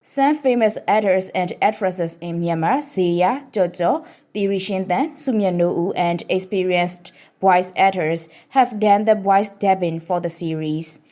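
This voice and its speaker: A woman's voice: on the low side, a little slow, hardly any pauses, warm tone. A woman delivering a scripted radio news report.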